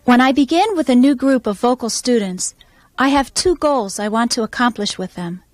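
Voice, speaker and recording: A woman music teacher explaining her methods in a calm, measured instructional voice-over. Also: a little high, dry recording.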